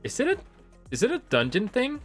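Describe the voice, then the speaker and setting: This man's voice is very high-pitched with huge swings in pitch, and he talks briskly while streaming a game from home as rain falls outside. Nasal from a slight cold, he rambles casually, thinking aloud and restarting, over faint background music.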